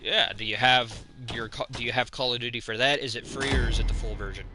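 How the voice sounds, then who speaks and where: A man's voice: medium pitch, steady tone, quick pace. Profane, joking male game streamer. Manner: profane, joking, thinks aloud. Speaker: live streamer. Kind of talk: casual gameplay chat. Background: game music.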